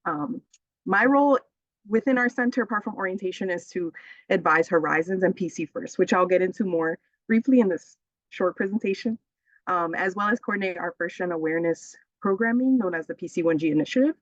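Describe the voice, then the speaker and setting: Via her laptop mic on a video call, an associate director from the Bronx, New York, gives a friendly, upbeat webinar talk full of "um"s. Her voice sits lowish and moves a little fast. The sound is dull and dry, with no room sound.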